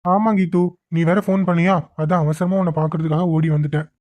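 A woman's voice: on the low side, fairly even intonation, brisk, a little mellow, lightly acted. A woman voicing an impatient young man in a cartoon, speaking in a curt, irritated way. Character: young man, impatient with cousin, doting on girlfriend.

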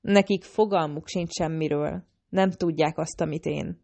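A woman's voice: low-pitched, fairly even intonation, vocal fry, warm tone. A woman reading as a scheming male assassin. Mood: probing.

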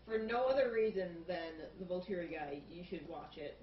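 A woman's voice: fairly low pitch, expressive, moderate pace. A woman adds dry, agreeable remarks in a casual film review. She is far from the mic in an echoing room. The sound is dull, with a faint hum underneath.

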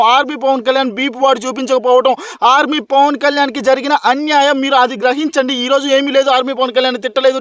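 A man's voice: very high-pitched, a bit bright, no room sound. A man giving heated opinion commentary as a reality show reviewer, insisting and firing rhetorical questions.

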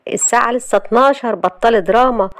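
A woman's voice: on the high side, fast talker, dry recording, clean studio sound, voice pushed up, natural voice. A woman voicing a bossy, scheming young man in Egyptian Arabic who gives curt orders.

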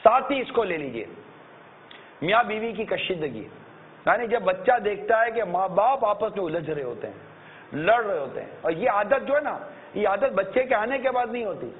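A man preaches with a high, lively voice, breaking into acted-out scolding and earnest appeals. The recording is thin and tinny, like a phone line. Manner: animated, acts out shouting parents, earnest pleading. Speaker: religious preacher. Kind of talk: sermon. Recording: tinny narrow-band lecture recording.

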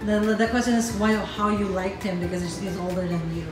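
A woman's voice: mid-range voice, steady tone, a little fast, far from the mic. A woman interviewing a couple, reading out fan questions and reacting with sympathetic aws. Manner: warm, reacts with aws and laughs. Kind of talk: casual interview. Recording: very echoey room, faint music behind.

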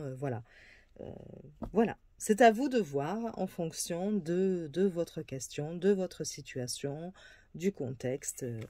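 A woman's voice: low voice, dark tone, a little hiss or hum. A woman casually presenting an oracle card reading, hesitant, with many fillers and restarts. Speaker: tarot and oracle card reader.

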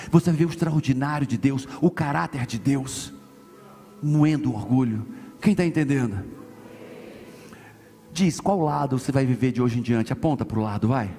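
A man's voice: medium pitch, normal speed, mellow. A man from Brazil preaching an impassioned conference sermon, emphatic, repeating his phrases and calling on the congregation to answer. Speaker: pastor. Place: large church hall. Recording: live church hall with reverb and music.

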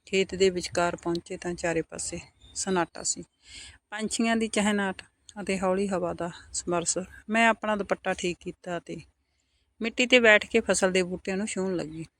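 A woman with a Punjabi accent narrating a first-person story in a soft, intimate scripted delivery. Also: mid-range voice, fairly even intonation, moderate pace.

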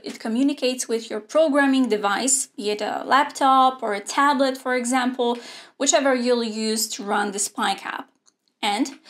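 A young woman presenting a scripted online robotics lesson in a studio, explaining clearly and steadily. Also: a little high. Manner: clear, measured explaining with hand gestures. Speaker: robotics teacher. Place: indoor studio with a grey backdrop.

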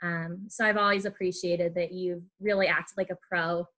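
Speaking at normal speed with a fairly low, flat, slightly bright voice, a woman in her twenties hosts a podcast. She chats informally with her guest, leaning often on "like" and "y'all."

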